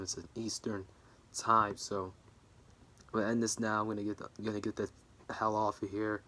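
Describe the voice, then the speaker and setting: This lowish, sharp-toned male voice belongs to a tired wrestling vlogger recording in a room at home. He rambles through his predictions, interrupts himself, and is easily pulled off track.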